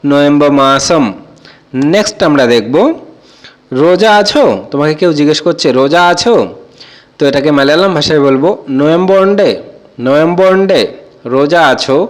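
A patient, slightly high-voiced Bangladeshi man. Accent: Bangladeshi Bengali. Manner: repetitive, patient, repeats each word slowly. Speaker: language teacher. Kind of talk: word-by-word vocabulary lesson.

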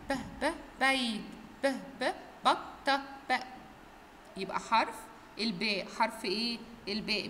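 A woman's voice: high-pitched, fairly bright tone, long reverb tail, a little hiss or hum. A young woman with an Egyptian accent, a kindergarten teacher giving a recorded phonics lesson, stretching out letter sounds and quizzing the class in a sing-song way.

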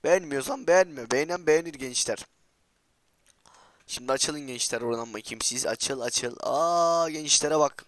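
A man giving excitable gameplay commentary as a channel host, trash-talking and swearing, repeating words in rapid bursts. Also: fairly high pitch, no echo.

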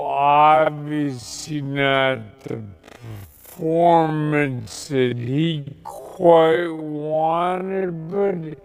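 A middle-aged man hosting a post-game sports analysis show from a TV studio desk on a lapel mic, heard in slowed-down playback. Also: a little high, creaky, smooth. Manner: steers the show, hands questions to the analysts. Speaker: studio host.

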